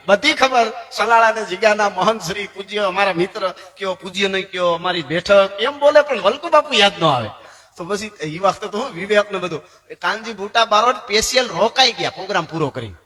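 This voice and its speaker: A man's voice: high voice, pushed and bright. A man telling stories at a religious gathering, chatty and earnest, with asides. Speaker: folk storyteller at a religious gathering. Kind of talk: live stage talk at a dayro. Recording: live hall echo with faint music.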